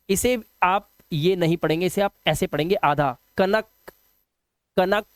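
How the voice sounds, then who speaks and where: A man's voice: high voice, no echo, studio quality. A man teaching a video lesson, patient and repetitive, often asking the viewers questions. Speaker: English teacher. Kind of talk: classroom-style video lesson.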